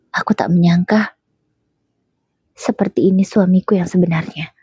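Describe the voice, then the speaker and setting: A woman narrating a first-person story in a soft, breathy voice. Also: medium pitch, no room sound, clean studio sound.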